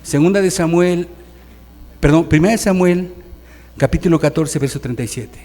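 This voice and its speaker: A man's voice: fairly high pitch, moderate pace, warm tone. A man pastor preaching a sermon, calling the congregation brothers and often checking that they follow him. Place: church hall. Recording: long church reverb.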